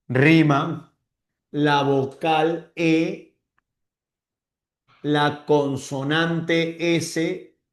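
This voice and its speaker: Slow-talking teacher in an echoey room. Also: male voice, on the high side. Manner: slow, stretched-out dictation of verses, mimics confused students. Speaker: literature teacher. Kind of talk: online class lecture.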